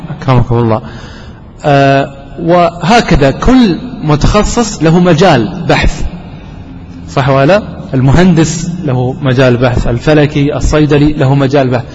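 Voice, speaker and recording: A man's voice: fairly high pitch, darkish tone, a little hiss or hum. A man teaching a grammar lesson who keeps asking the class questions and answering them himself. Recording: dull recording with long hall reverb.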